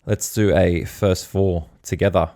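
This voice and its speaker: A man's voice: sits low, fairly even intonation, a little slow, warm tone. An Australian man hosting a podcast in casual chat, asking short, easygoing questions. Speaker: podcast host.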